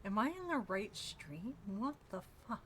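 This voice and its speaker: A woman's voice: medium pitch, very animated, measured pace, background noise. A woman streaming a game, chatting casually and bluntly with friends and swearing freely. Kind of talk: casual gaming stream chat. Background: elevator music from her voice mod.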